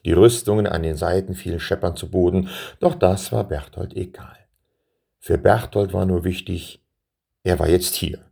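A man reading a children's story aloud in a calm manner and turning to address his young listeners. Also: low-pitched, creaky, breathy edge.

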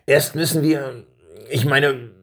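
A man's voice: medium pitch, fairly even intonation, a bit bright, slightly rough, voice pushed up. A man voicing an old king who halts and hems through his ceremonious speeches to his two sons. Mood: solemn. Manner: halting, ceremonious speeches full of pauses.

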